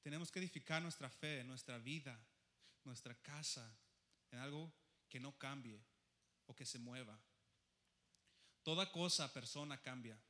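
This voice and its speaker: Bright-voiced young male preacher, fervent. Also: medium pitch, unhurried, long pauses, long reverb tail. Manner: switches between Spanish and English, swings from soft pleading to loud fervent calls. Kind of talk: sermon.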